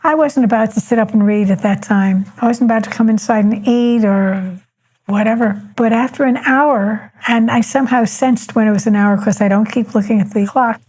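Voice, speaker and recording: Older woman, higher-pitched, very mellow soft-edged tone, calm and measured, reflective personal storytelling. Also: poor audio. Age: older, 70s or above. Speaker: elder interviewee.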